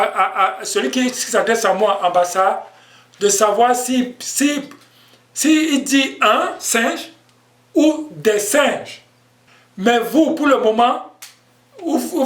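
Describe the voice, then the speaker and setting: A man's voice: very high-pitched, reverberant. A man teaching an online language lesson, explaining patiently and repeating himself. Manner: slow, patient explaining with repetitions.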